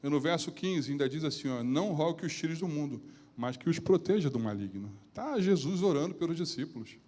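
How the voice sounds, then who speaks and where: A man preaching a sermon, retelling Bible scenes in a casual modern way and swinging from quiet talk to loud peaks. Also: on the high side, animated, a little fast. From Brazil. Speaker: pastor. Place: church sanctuary. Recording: long reverb of a church hall.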